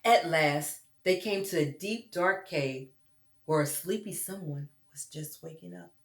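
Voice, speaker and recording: Addressing young children as friends, a woman reads them a story with expressive, dramatic emphasis. Her voice is low and her pace measured, with a roomy echo around her.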